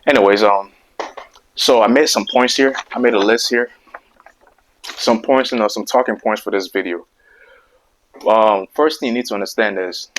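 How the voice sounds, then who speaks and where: In a rough recording, a man with a lowish voice hosts his own video, giving a casual opinion monologue to camera. He stutters, repeats words, and hammers emphatic points over and over.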